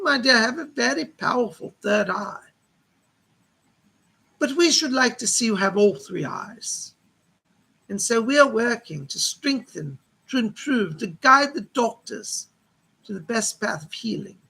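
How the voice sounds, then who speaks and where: Man as seance medium channeling a husky, genteel lady spirit. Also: very high-pitched, bright, forceful tone, exaggerated voice, rough recording. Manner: genteel, old-fashioned, slow solemn reassurance. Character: gentle motherly woman spirit named Rose, consoling.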